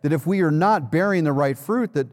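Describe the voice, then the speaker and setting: A man's voice: on the high side, brisk, darkish tone. A man preaching a sermon as pastor, earnest, often repeating words and calling the congregation to respond. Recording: long hall reverb.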